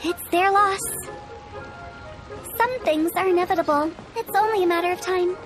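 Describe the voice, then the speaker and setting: High-voiced, playful young female schemer. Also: moderate pace, over music. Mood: confident, musing. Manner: breezy, theatrical salesperson patter. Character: playful, scheming young woman funeral parlor director pitching deals. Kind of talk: video game voice acting.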